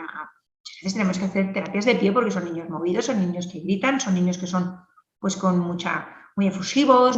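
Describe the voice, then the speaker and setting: A woman speech therapist giving a clinical lecture in a lively, explanatory way, often checking in with tag questions. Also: mid-range voice, roomy sound, recorded from a distance, dull audio.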